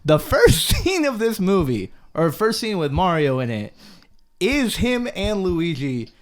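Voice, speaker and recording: Animated young man, lively pitch swings. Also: a little slow. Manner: animated, jokey, laughs often, pitch leaps high when excited. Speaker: podcast co-host. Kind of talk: casual movie review chat.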